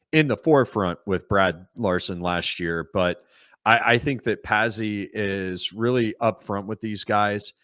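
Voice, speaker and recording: A man talks hockey on a podcast in an easy, conversational way, laying out his points at length. His voice sits a little low. The sound is close and dry, with no room around it. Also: dry recording. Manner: calm, talkative, explains at length. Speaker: podcast co-host. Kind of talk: casual sports chat.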